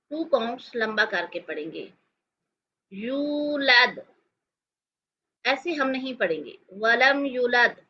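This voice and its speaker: A woman teaching Quran reading step by step, explaining each letter and then reciting the words slowly and drawn out. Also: on the high side, highs cut off.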